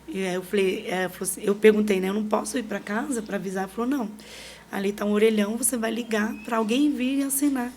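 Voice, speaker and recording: A middle-aged Brazilian woman, a podcast guest, telling a personal story in a lively way, acting out what people said and laughing often. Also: medium pitch, slight background noise. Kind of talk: personal storytelling in a casual interview.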